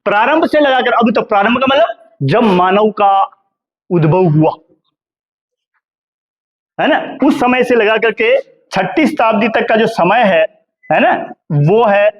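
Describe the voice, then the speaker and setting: A middle-aged history professor from India, with a high-sitting voice, lectures a class, posing questions to the students and answering them himself. He calls them "beta" and keeps tacking "hai na" onto his sentences. The sound is lo-fi.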